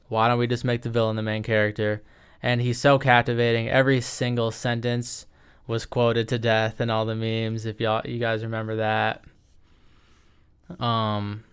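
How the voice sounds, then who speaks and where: A man's voice: medium pitch, steady tone, moderate pace, clean tone. A young man giving casual, rambling commentary as he ranks movies into tiers, often cutting himself off and tossing in slang. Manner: rambling, self-interrupting, slangy. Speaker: video creator ranking movies. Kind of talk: casual tier-list commentary.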